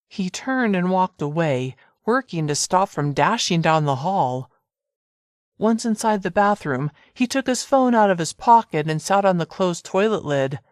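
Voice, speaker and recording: A narrator reading a romance audiobook in an even, measured storytelling manner. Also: female voice, lowish voice, no echo, clean studio sound. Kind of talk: scripted narration.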